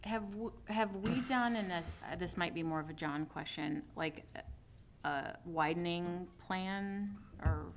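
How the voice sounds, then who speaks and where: A council member asking questions and making a motion in a halting way, with filler words. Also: male voice, high voice, a bit bright, a little hiss or hum. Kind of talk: council meeting discussion.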